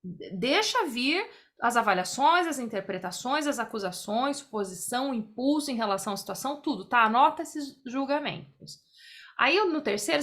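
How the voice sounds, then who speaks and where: A woman's voice: high voice, a bit bright. A woman leads an online group exercise over a video call. She explains each step in turn and keeps checking that everyone follows. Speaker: workshop facilitator.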